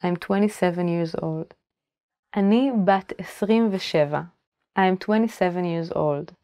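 A young woman teaching a language lesson to camera, repeating each phrase slowly and clearly before explaining it. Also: lowish voice, warm tone, no echo, dull audio. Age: 20s. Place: indoor studio, plain backdrop.

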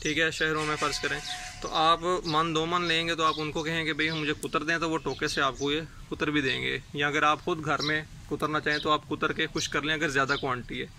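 A man's voice: on the high side, flat delivery, fairly quick. A man explains, step by step and with many fillers, how he makes hay for his goats. He is outdoors on a rooftop, speaking to a phone camera he holds. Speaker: rooftop goat farming vlogger. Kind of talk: casual explanatory vlog. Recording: outdoor recording with clear background noise.

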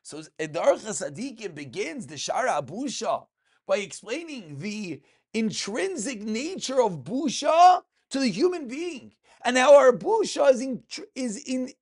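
High-pitched man teaching religious text. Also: big pitch swings, measured pace, husky. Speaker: rabbi teaching a daily class. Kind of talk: religious text lesson, reading and translating. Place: small furnished room indoors.

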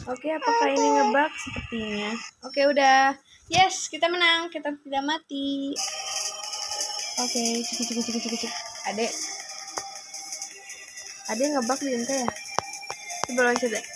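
A woman's voice: high voice, normal speed, pauses often, loud music behind the voice, low-quality recording. A young woman, chatting casually through a game and bossing her younger sibling around. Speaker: gaming streamer. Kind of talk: casual gameplay commentary.

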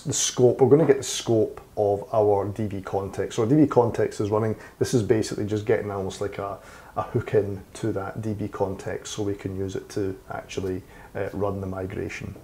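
A man teaching a coding tutorial who thinks aloud as he types, with fillers and quick self-corrections, and sounds a little hoarse. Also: lowish voice, fairly even intonation, dark tone. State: slightly hoarse, losing his voice. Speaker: programming tutor. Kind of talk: screen-recorded coding tutorial. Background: keyboard typing and clicks.

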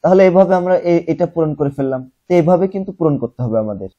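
A young male teacher with a very dark, mellow, husky voice that sits a little high leads a classroom lesson expressively, step by step. He asks his students questions and answers them himself, slowly repeating single sounds to show their pronunciation. The sound is lo-fi.

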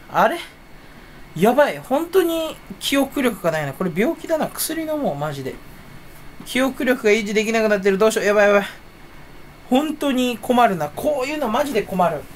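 A man's voice: high-pitched, a little hiss or hum. A young man chatting alone at his computer in a casual, rambling way, mumbling to himself and mocking his own poor memory. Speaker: streamer. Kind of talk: casual solo chat while browsing online.

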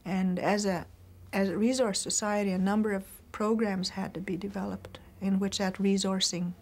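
A woman's voice: mid-range voice, flat delivery. Thoughtful middle-aged woman. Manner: thoughtful, with many pauses and restarts. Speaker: writer and teacher interviewed. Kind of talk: reflective interview answers. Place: library room indoors.

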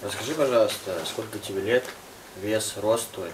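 A man's voice: on the low side, moderate pace, a crowd in the background. Man asking questions from afar. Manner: prompting, follows up on answers. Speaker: interviewer. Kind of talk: casual interview questions. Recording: distant mic with background noise.

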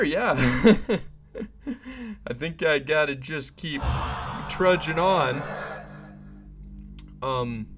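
A man's voice: medium pitch, background noise. A man giving casual, jokey commentary to himself while he plays a horror game. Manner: chatty, jokey, muttering to himself. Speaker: gamer playing a horror game. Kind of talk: casual let's-play commentary.

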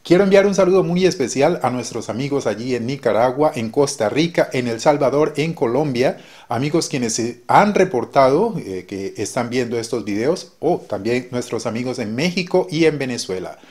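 A man at a middle pitch gives a friendly language lesson to his viewers. He explains patiently and slows down to sound out each example word. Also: animated, darkish tone. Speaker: language teacher. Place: based in Jamaica.

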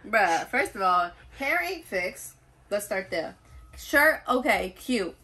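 A woman's voice: medium pitch, sing-song, takes it slowly, sharp tone, slightly rough. A woman in her twenties chatting casually in a family vlog, blunt, sassy and swearing freely. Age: 20s. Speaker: family vlogger.

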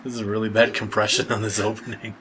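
A young man giving casual, joking commentary over a video game and yelling catchphrases as he plays. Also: fairly low pitch, level tone, fast talker, noisy background. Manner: joking, yells catchphrases while playing. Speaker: let's-play host.

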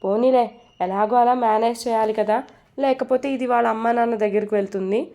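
A woman voicing a sharp-tongued young woman who teases and schemes with a sarcastic edge. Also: fairly high pitch, fairly even intonation, brisk, lightly acted. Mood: teasing.

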